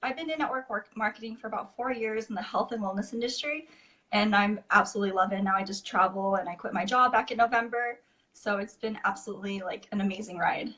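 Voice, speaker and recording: A woman's voice: medium pitch, quick pace, sharp tone. Easygoing woman in her twenties. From California. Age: 20s. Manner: easygoing, frequent "you know" and "like". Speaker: guest. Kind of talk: casual interview chat.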